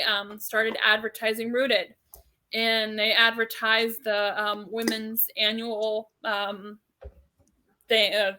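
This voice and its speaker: A woman's voice: medium pitch, sharp tone. A middle-aged woman from California, co-hosting a casual faith podcast and telling a long personal story with many fillers and restarts. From Southern California. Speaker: podcast co-host.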